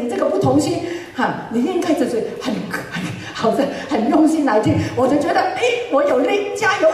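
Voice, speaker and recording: Animated woman preacher in an echoey hall. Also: on the high side. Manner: animated, laughing storytelling. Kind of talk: testimony sermon. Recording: echoey hall, mic far off.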